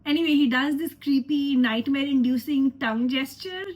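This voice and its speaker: A woman's voice: high-pitched, normal speed, a little mellow, faint music behind. Congested woman reviewing a trailer. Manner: opinionated, sarcastic. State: congested with a cold. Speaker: film reviewer.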